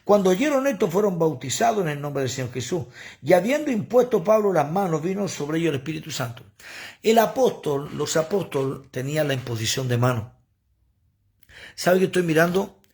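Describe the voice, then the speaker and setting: A man preaching a livestreamed sermon on his phone, animated and full of asides to the viewers. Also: fairly high pitch, a little fast, husky.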